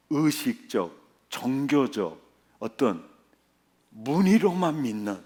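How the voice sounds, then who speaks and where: A male pastor preaching a revival sermon, often putting questions to the congregation. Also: mid-range voice. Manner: animated, quizzing the congregation.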